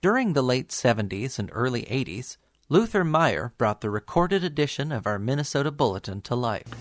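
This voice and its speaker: A man narrates a documentary from a script. His voice sits at an average pitch and is captured dry, with no room sound. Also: big pitch swings, a little fast, dry recording.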